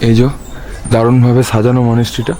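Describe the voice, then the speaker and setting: A man's voice: medium pitch, completely flat delivery, fast talker, noisy background. Chatty man vlogging on a motorbike trip. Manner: chatty, mixes English words into speech. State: somewhat out of breath. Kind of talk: casual vlog narration to camera. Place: outdoors at a hilltop monastery.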